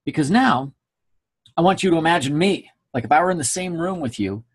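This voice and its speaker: Husky man coaching with emphatic check-ins. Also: a little high, expressive, a little fast. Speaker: sales trainer. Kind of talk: recorded training presentation.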